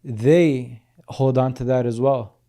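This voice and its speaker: Dark-voiced man hosting a podcast. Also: mid-range voice, fairly even intonation, slow. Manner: short affirmations, thoughtful questions. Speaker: podcast host. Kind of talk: podcast interview.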